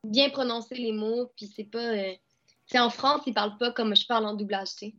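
A woman's voice: on the high side, fairly even intonation, brisk, sharp tone. A young woman with a Québécois accent, an actress and dubbing artist, chatting casually in an interview with lots of fillers and restarts. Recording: dull lo-fi sound.

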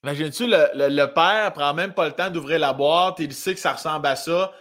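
A man with a Quebec French accent hosting a casual chat over a video call, animated, laughing and swearing often. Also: a little high, a little fast. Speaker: host.

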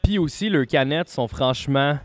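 A man's voice: a little high, normal speed, soft background music. A man with a Quebec French accent chatting informally as a podcast contributor, often repeating his phrases. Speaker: podcast contributor presenting picks. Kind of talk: casual podcast chat.

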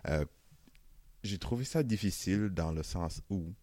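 A young man with a very low, deep voice speaks French with a Senegalese accent softened toward Canadian French. He talks in a relaxed, chatty way, laughing often and dropping casual fillers. The sound is close and dry, with no room echo. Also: unhurried. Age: young adult. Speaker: interviewee. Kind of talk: casual interview.

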